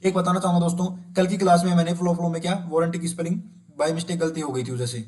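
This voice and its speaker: High-voiced man teaching spelling, echoey. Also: fairly even intonation, fast, darkish tone. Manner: spells words letter by letter, asks rhetorical questions; calls the audience friends, keeps checking understanding. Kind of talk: exam-prep spelling lesson.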